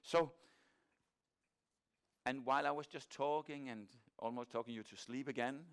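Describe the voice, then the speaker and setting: A man moderating a conference session, introducing speakers informally and haltingly as he searches for words. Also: mid-range voice, fairly even intonation, smooth.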